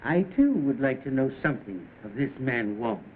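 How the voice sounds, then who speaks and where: A mysterious gentleman played by a man speaks with formal, guarded courtesy and very mobile pitch. The manner is measured 1930s film acting. The sound is tinny with some hiss. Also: expressive, natural voice. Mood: guarded, courteous.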